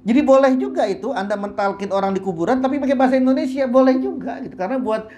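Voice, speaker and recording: A woman's voice: a little high, racing, a little mellow. Woman religious teacher, kitab lecture, phrase-by-phrase casual explaining; roomy room sound with faint background noise. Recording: roomy echo with faint hiss.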